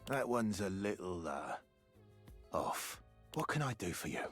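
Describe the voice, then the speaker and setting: A man's voice: low voice, very animated, a little slow, a bit bright, faint music behind, full character voice. An actor playing a formal, mechanical male butler with a forced, robotic laugh. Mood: stiff. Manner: formal, mechanical and overly polite.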